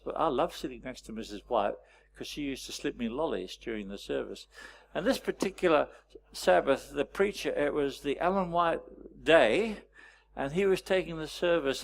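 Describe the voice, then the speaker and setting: A man leading a storytelling workshop, teaching with wry anecdotes and frequent pauses. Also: a little high, creaky. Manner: anecdotal, wry, pausing often. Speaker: workshop presenter.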